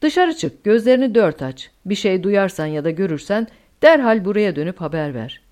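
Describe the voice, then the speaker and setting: Lady doing a cold bossy woman giving orders, loud, lively pitch. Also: moderate pace, natural voice. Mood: commanding. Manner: commanding, crisp orders. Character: cold commanding woman in control, ruthless.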